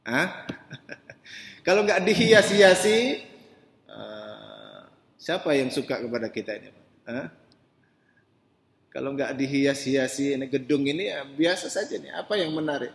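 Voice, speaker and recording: Preacher in an echoey mosque hall. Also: male voice, medium pitch. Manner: conversational, asks the men in the congregation questions directly; swings between quiet asides and loud emphatic rises. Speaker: ustadz preacher. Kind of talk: mosque sermon.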